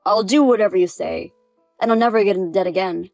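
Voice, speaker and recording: A woman's voice: mid-range voice, fast talker, gravelly, a little mellow, no echo, soft background music, close to an everyday voice. A woman's synthetic voice reading the lines of an indebted grown son who begs his mother for help. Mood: pleading. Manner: pleading, apologetic. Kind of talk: text-message story reading.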